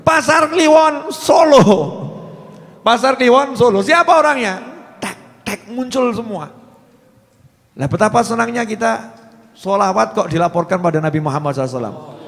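High-voiced joking preacher in a reverberant hall. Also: male voice, expressive, a little fast, vocal fry. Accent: Javanese. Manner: joking, teasing, coaxing the audience. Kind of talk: humorous sermon to a live congregation.

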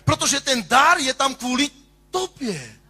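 High, bright-voiced preaching pastor. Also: male voice, expressive. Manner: impassioned preaching, swings from sung shouts to quiet asides. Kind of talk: sermon.

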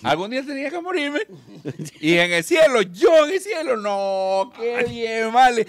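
A man with a Venezuelan accent acting out an excitable male drunk in heaven, shrill and loud and gushing. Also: a little slow, dry recording, exaggerated voice. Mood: giddy.

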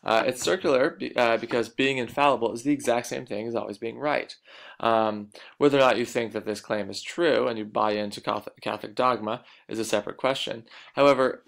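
A man's voice: fairly low pitch, creaky. A man teaching a recorded lecture, explaining points and repeating the key ones.

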